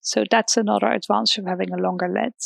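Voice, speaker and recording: A young Dutch art teacher talks fast in a steady, medium-pitched voice with vocal fry, explaining drawing basics step by step with some fillers. It's a dry recording of a lesson demonstration made in a hairdresser's salon serving as a temporary studio.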